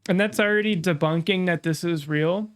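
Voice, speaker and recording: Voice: medium pitch, moderate pace. A streamer hosting a casual live reaction, talking with a stuffy nasal sound, as if pinching the nose. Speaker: streamer and host.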